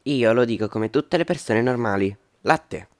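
A man's voice: medium pitch, animated, moderate pace, a little mellow, close to an everyday voice. A man voicing a fussy, easily exasperated male animatronic rabbit in a cartoon dub.

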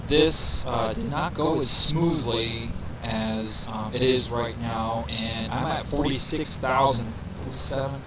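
A relaxed man talks through a game step by step, dropping fillers and counting numbers aloud in a mid-range voice. His cheap microphone adds a reverb to every word. A crowd hum sits in the background. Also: mid-range voice, slow, hardly any pauses. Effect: reverb on the voice from a poor microphone. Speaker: gameplay tutorial narrator. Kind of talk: casual walkthrough commentary. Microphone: cheap desk microphone. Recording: reverby mic with crowd noise behind.

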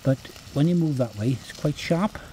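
Welsh man with a dark, mellow voice. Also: a little high, normal speed, slight background noise. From Wales. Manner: relaxed and chatty, frequent ums and uhs. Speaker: forager and outdoor cook. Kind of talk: cooking demonstration. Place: rocky beach outdoors.

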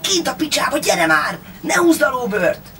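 A woman reading a story aloud, voicing a burned-out young drug addict who shrieks crude curses at a very high pitch. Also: big pitch swings, a bit bright, far from the mic, slight background noise. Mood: frantic.

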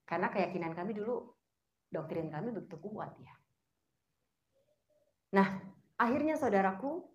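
A woman giving a personal testimony at a church service, speaking straight to the congregation and asking it questions. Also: medium pitch. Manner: animated, addresses the congregation directly and asks it questions. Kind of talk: sermon-style personal testimony. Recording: echoey hall sound.

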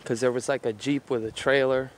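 A man's voice: medium pitch, fairly even intonation, fairly quick. A man vlogging at a forest campsite on a handheld camera, talking in an easygoing, rambling way. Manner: laid-back, rambling, easygoing. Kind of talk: casual chat.

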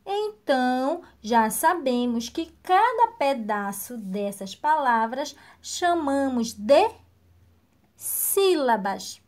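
Woman teacher, high voice, slow and encouraging, video lesson for kids. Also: very animated, a little mellow. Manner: slow, encouraging, praising answers. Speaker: primary school teacher. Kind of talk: recorded video lesson for young children.

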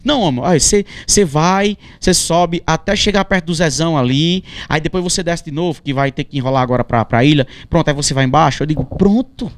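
A man's voice: on the high side, fairly quick, few pauses. A male singer, telling a story in a casual interview, acting out dialogue and repeating phrases as he goes. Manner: animated, acts out quoted dialogue, stammers and repeats phrases.

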